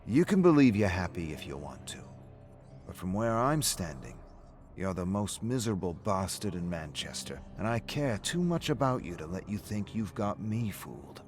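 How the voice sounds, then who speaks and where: A man reading gives voice to a pub owner who needles his old friend in a low, dry voice. He talks steadily and presses his point without raising much heat. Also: sing-song, normal speed, over music. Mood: earnest. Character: calm, probing male pub owner, longtime friend.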